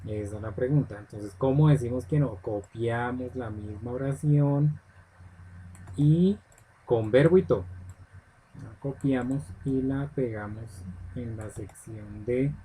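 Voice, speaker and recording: A man's voice: medium pitch, dark tone, a little hiss or hum, poor audio. A man teaching English grammar step by step in a screen-recorded lesson, often checking in with "ok?". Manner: patient step-by-step explaining, checks in with "ok?".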